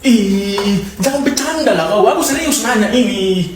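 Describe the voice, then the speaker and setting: Rowdy high-voiced man in an echoey room. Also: expressive, moderate pace. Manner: rowdy teasing banter. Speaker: comedic sketch performer. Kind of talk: comedy skit acting.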